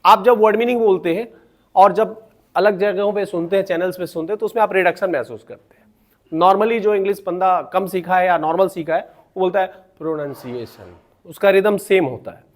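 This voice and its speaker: A man teaching pronunciation, explaining syllables patiently and spelling out words slowly. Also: high voice. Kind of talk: classroom-style explanation.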